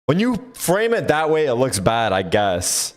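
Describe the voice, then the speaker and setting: Slow-talking, slangy man co-streaming. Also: medium pitch, wildly swooping pitch. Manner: slangy, sweary. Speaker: livestream co-streamer reacting to esports. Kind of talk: casual chat commentary.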